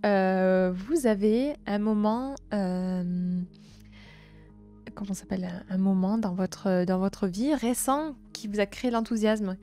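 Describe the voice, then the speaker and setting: Soft-spoken southern French woman streaming. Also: medium pitch. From south-east France. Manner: gentle, chatty, many fillers and restarts. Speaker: livestream host. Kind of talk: casual live-stream chat, reading chat.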